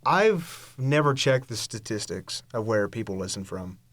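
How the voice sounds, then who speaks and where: A man's voice: fairly low pitch, expressive, a bit bright, no echo. Joking twenty-year-old male podcast host. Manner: joking, quick-witted. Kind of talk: casual podcast chat.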